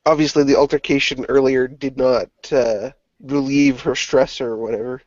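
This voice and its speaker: A man's voice: medium pitch, steady tone, moderate pace, a little mellow, no echo. A man playing a tabletop game, asking the game master casual questions. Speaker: player. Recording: dry dull lo-fi recording.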